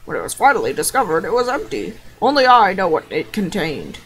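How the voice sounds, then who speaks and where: A woman's voice: medium pitch, very animated, a little fast, a little hiss or hum, rough recording. A woman voicing a grave, boastful old grandfather in an amateur anime game dub, with overdramatic bad acting.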